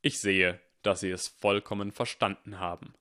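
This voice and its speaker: A man voicing a stern, cunning male teacher who speaks calmly, deliberately and firmly. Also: on the low side. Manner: calm, deliberate and firm.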